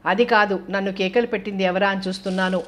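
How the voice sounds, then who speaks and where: A woman's voice: mid-range voice, fairly even intonation, fast talker, natural voice. A woman voicing a playful young woman who teases her cousin in an audio novel. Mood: teasing. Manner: teasing, cheeky.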